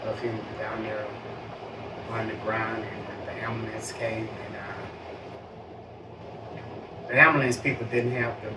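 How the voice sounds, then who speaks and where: A man who is a public housing resident, speaking in a measured way and often finishing his neighbor's sentences. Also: mid-range voice. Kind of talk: conversational remembrance. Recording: echoey room, distant mic, loud noise.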